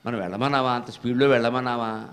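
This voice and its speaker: An older man giving a devotional discourse, telling stories with lively acted-out dialogue and bursting into slow, sung verse recitation. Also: medium pitch. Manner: animated storytelling with acted-out dialogue. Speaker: Telugu discourse speaker.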